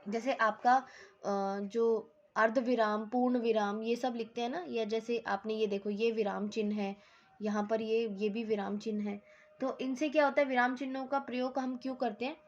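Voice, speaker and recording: A woman's voice: a little high, a little mellow. Patient Hindi teacher woman, lo-fi sound. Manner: patient, repeats points with frequent "ठीक है" check-ins; mixes English words into Hindi. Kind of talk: explaining a Hindi lesson to schoolchildren.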